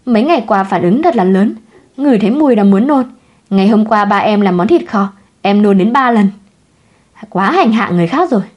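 A woman voicing a young pregnant wife who speaks softly and candidly, a little pouty. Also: medium pitch, expressive, fairly quick, muffled recording, close to an everyday voice. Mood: gentle.

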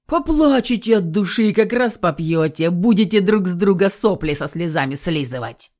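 A woman's voice: lowish voice, lively intonation, normal speed, darkish tone, lightly acted. A woman doing a crude, mocking male thug. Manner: coarse, mocking and swearing. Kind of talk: audiobook reading.

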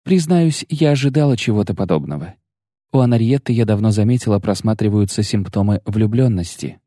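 A man's voice: on the low side, expressive, a little fast, dark tone, no echo, studio quality. A man voicing a sly, sensual young sorceress in an audiobook reading, teasing, coaxing and self-assured. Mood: playful.

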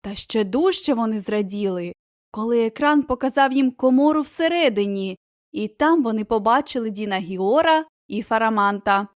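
A woman narrates a children's tale with a gentle, expressive touch. Her voice sits fairly high for a woman. The recording is close and dry, with no room sound. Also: normal speed, no echo. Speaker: audiobook narrator.

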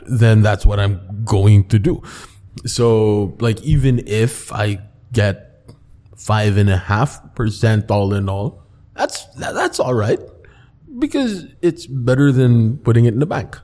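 A man's voice: fairly low pitch, expressive, a little slow, mellow. A man hosting a casual group chat on a podcast. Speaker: podcast host. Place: co-working space, indoors.

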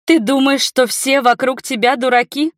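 A woman voicing a fiery young heroine who speaks agitated and loud. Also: on the high side, normal speed, no echo, clean studio sound, voice pushed up, natural voice. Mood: furious. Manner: agitated, shouting in anger.

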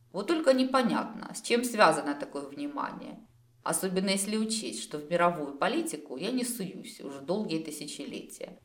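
A woman voicing a fiery, quick-tempered female creator goddess in a storybook, with a sharp edge to her speech. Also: on the low side, roomy sound. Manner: sharp, hissing when angry.

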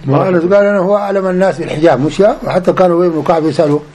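Brisk Sudanese sheikh questioning his student. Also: high voice, darkish tone, slight background noise. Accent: Sudanese Arabic. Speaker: sheikh teaching hadith. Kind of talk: lesson questions and comments.

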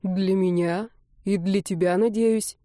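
A woman voicing a polite young man who speaks slowly and mildly, calm even when accused. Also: mid-range voice, no echo, studio quality, close to an everyday voice. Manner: slow, calm and mild.

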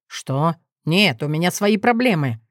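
A woman's voice: lowish voice, animated, measured pace, no room sound, studio quality. A woman voicing a haughty adult dragon lord with an ironic, sneering drawl. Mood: sardonic.

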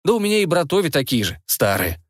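Man playing teen prince, naive, sulky, drawling, whiny, lively pitch, dry close recording. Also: fast talker, no room sound. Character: sulky 15-year-old tsarevich boy, naive.

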